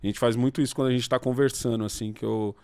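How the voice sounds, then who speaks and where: A man chats and tells stories in an easygoing, slangy way, at a middle pitch for a man. The sound is close and dry, recorded near the mic. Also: fairly even intonation, fast, warm tone, smooth, no room sound. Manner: chatty storyteller, slangy, tells anecdotes. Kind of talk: casual podcast conversation.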